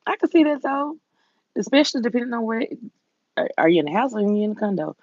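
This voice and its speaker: A woman with a Southern US accent and a folksy, drawn-out drawl, chatting casually with viewers as a livestream host. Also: fairly high pitch, sing-song, darkish tone, no room sound, lo-fi sound. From southern United States.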